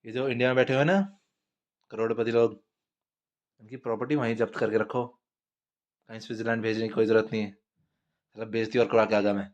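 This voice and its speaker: A man's voice: fairly low pitch, fairly even intonation, brisk, pauses often, muffled recording. Blunt, profane male storyteller. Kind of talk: crude comedic monologue.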